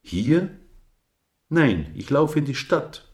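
A man's voice: on the high side, big pitch swings, takes it slowly, a little mellow, pitched above the performer's own voice, exaggerated voice. A man voicing an eager little lamb. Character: small brave young male lamb.

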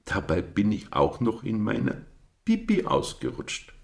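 A man's voice: on the low side, huge pitch swings, unhurried, gravelly, voice pushed up, full character voice. Storybook part: large clumsy male sheep, mutters and grumbles, played by a male reader. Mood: lively.

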